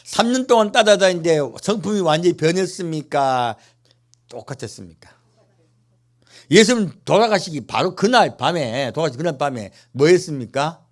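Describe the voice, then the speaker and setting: Animated male pastor preaching. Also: on the high side, moderate pace. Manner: animated, asks the congregation rhetorical questions; humorous, playful asides. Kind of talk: sermon. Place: church.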